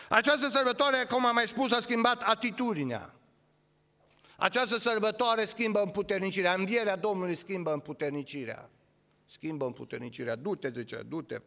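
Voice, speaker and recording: A man preaching an Easter sermon, repeating his phrases and swinging from loud calls to low, quiet asides. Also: vocal fry, big-room sound.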